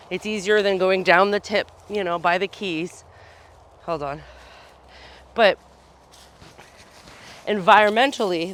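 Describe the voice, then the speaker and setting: A woman's voice: lowish voice, a bit bright. A woman chatting casually as a companion in an outdoor vlog on a trail, with traffic in the background. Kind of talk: casual chat. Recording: outdoor recording with faint traffic noise.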